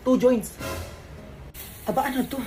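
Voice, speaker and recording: Isang babaeng may puntong Pilipino na nagko-komedya sa skit, ginagampanan ang iba't ibang karakter, pasigaw at eksaheradang pananalita. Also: female voice, high-pitched, measured pace, mellow. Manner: scolding, exaggerated comic delivery. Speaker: comedy skit creator. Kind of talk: comic skit acting, playing several roles. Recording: music playing behind.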